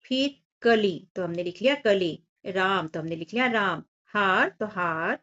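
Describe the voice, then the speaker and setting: A woman teaching young children, stretching out syllables slowly and explaining everything in simple words. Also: mid-range voice, lively intonation, fairly bright tone, highs cut off. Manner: slow, drawn-out syllable-by-syllable reading. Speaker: primary school teacher. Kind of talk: workbook lesson walkthrough for young children.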